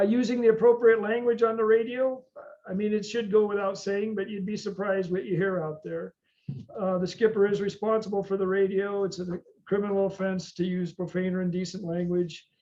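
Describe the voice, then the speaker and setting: A man with a high-pitched American voice lectures informally to a class. He is folksy and rambles, drifting into hesitant asides. The recording is dull and lo-fi. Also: warm tone. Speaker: boating class instructor.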